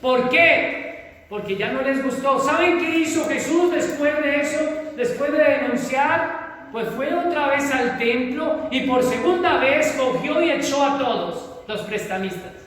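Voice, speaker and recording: High-voiced man preaching slowly. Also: a bit bright. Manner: fervent preaching, drawn-out emphatic phrases. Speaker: pastor. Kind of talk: sermon. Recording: echoey hall from far off.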